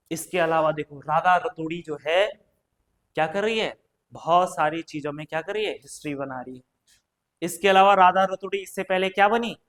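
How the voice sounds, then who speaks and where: In a coaching classroom or studio, a man with a high, fairly bright voice teaches an exam-prep class. He keeps posing questions to the class and answering them himself, sprinkling in checks like "ठीक है" and "है ना".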